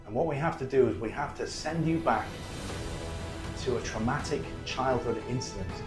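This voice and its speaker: A man presenting a guided self-help talk from inside a cable car, in deliberate, halting phrases. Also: mid-range voice. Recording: echoey small cabin acoustics, music.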